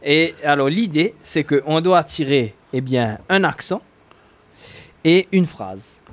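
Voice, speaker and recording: A man hosting a TV talk show, upbeat and quick, laughing often with his guest. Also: fairly high pitch, expressive. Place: TV studio.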